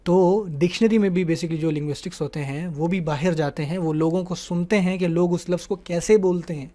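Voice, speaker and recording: Man teaching grammar with a higher voice. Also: fairly even intonation, dark tone. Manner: explanatory, asks "ٹھیک ہے نا" often; mixes English words into the talk. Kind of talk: online grammar lesson.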